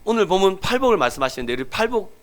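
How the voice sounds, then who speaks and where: A man's voice: high-pitched, very fast. A middle-aged male pastor with a Gyeongsang Korean accent preaching a sermon, telling stories with acted voices and sometimes dropping to a near whisper for emphasis. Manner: animated storytelling, acting out everyday people, dropping to near whispers for emphasis.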